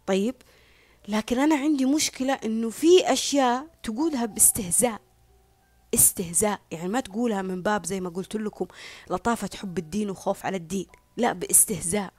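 A woman talks straight to the listener in a casual, opinionated monologue. She throws in sarcastic asides and sometimes sinks to a whisper. Her voice sits at an ordinary middle pitch, recorded dry and close with no room sound. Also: a little mellow, no echo. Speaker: social media commentator.

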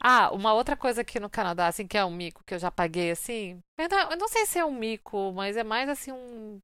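A woman from Brazil chatting casually and telling lively stories, acting out what people said. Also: on the high side, fast, clean tone, no echo. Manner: lively storyteller, acts out quoted lines. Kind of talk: casual chat.

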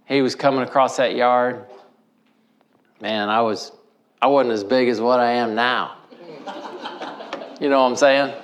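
A man from Missouri gives a sermon as a folksy personal story. He speaks with a mid-range pitch and leans on rural turns of phrase. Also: fairly even intonation, a little slow, long pauses, highs cut off, slight background noise. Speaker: preacher.

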